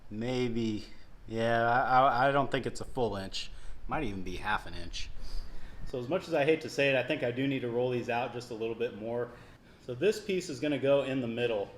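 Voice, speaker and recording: A man's voice: medium pitch, normal speed. A man who ranches and welds, explaining a shop project step by step in a casual how-to vlog. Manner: plain explaining, walks through each step. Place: workshop. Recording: echoey shop with faint noise.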